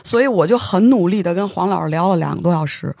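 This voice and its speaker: A podcast host, telling a story in casual studio chat, animated and stumbling over words when excited. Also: medium pitch, fast talker, vocal fry, dry recording.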